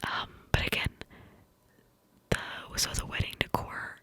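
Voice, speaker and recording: A woman tells a personal story in ASMR style, in a breathy, intimate cupped-hand whisper with a rambling, hesitant delivery. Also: a little slow, pushed and bright. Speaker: ASMR video creator.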